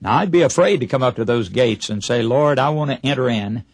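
His mid-range voice is expressive, fairly quick and a bit breathy, recorded without room sound. As a radio preacher giving a Bible sermon, he presses listeners with rhetorical questions and dramatizes brief imagined conversations.

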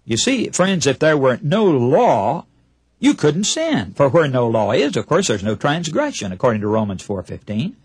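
A man's voice: medium pitch, wildly swooping pitch, moderate pace, slightly rough, no echo. A man preaching a broadcast Bible sermon, emphatic and putting rhetorical questions to his listeners. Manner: acts out short imagined dialogues. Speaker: radio preacher.

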